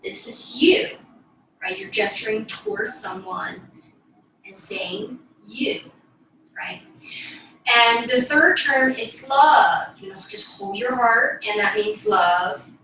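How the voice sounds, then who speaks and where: A young woman with a slightly high, animated, sharp-toned voice teaches a ballet lesson to camera from a small bedroom, going slowly and casually while often tacking on tag questions to check in. The room echoes, the mic is distant, and there's faint noise.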